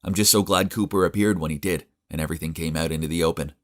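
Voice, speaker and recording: A man's voice: sits low, steady tone, fast. A young man narrating a dramatic first-person story in a confiding tone.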